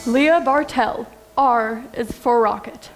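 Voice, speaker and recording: A woman emceeing a speech competition showcase, reading introductions in a formal, measured way. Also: on the high side, faint music behind. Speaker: event emcee. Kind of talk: scripted introductions.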